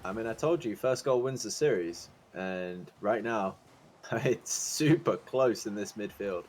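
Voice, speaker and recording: Joking excitable esports color commentator. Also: male voice, lowish voice, a little slow, poor audio.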